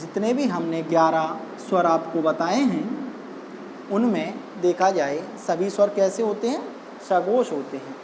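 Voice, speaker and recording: Slow, deliberate woman teaching in an echoey room. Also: fairly low pitch, lively intonation, noisy background. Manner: slow, deliberate explaining with pauses. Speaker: Hindi grammar teacher. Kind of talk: exam-prep lesson. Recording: echoey room with long reverb.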